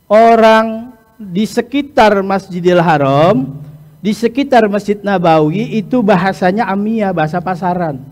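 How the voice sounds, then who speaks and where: A middle-aged man giving a lesson to hajj pilgrims, talking in a lively way, often checking in with "ya" and chuckling, and sometimes acting out loud, high-pitched exchanges. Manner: peppers talk with "ya" and chuckles. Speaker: hajj instructor. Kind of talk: religious lesson lecture.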